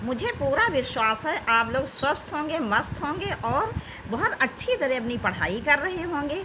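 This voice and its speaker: A woman's voice: high voice, sing-song, normal speed, background noise. A woman teaching an exam-prep grammar lesson, reading out questions and options and addressing her students as children. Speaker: Hindi teacher.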